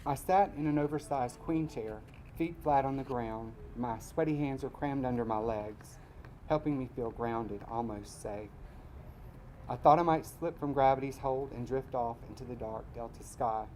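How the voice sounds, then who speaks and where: A man from Mississippi, reading his personal essay aloud at a live event in a measured, wry way. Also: medium pitch, darkish tone, slight background noise, rough recording. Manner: measured storytelling, wry asides.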